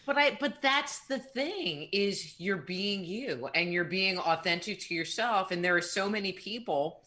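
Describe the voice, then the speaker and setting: Bright-toned, rambling woman co-host. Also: mid-range voice, animated, measured pace. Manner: rambling and reflective, with many restarts. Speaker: radio show co-host. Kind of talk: casual live radio chat.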